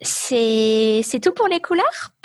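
A woman's voice: a little high, sing-song, takes it slowly, darkish tone. A woman teaching a language class over a video call. She is patient and encouraging and slips into English to explain words. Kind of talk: online class, teaching vocabulary.

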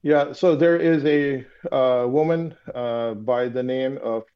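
On a muffled, casual call, a Pakistani man with Urdu as his mother tongue answers as the interviewee. His voice is mid-range, and he reflects philosophically, pausing often and leaning on fillers.

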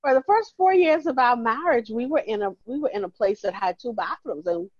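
A Bahamian woman in her forties, a counselor talking warmly and chattily in an interview, laughing easily. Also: a little high, lively intonation, fairly quick, no echo, dull audio. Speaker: counselor and guest. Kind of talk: casual interview conversation.

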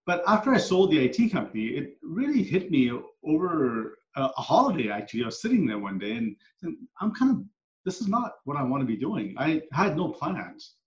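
A middle-aged coach and speaker, who moved to Canada at ten, earnestly and reflectively tells his story as a podcast guest. His slightly high voice is very animated and brisk, recorded in an echoey room with dull lo-fi sound.

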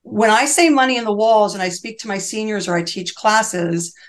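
This interview guest, a reverse mortgage specialist in her sixties, speaks with a mid-range voice at a moderate speed. Her talk is earnest and fervent, with long run-on sentences that she often breaks off and restarts.

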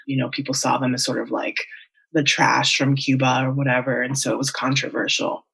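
A woman's voice: very deep voice, level tone, brisk, gravelly, fairly bright tone, slightly rough. A young adult woman, a writer and teacher, talking candidly and thoughtfully in a casual podcast interview, with many ums and likes. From Las Vegas and Miami, United States.

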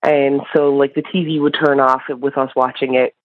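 Dull, lo-fi call from a low-voiced woman. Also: level tone, normal speed, no room sound. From Newfoundland, Canada. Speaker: listener calling in with a story. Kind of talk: informal personal storytelling.

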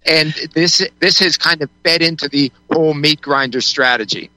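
A man talks politics as a guest on a talk show, his voice very bright and slightly high. He rambles, restarting sentences and filling gaps with "uh". The recording is dry and close. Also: moderate pace, no echo, poor audio. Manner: rambling, many restarts and fillers. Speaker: guest commentator.

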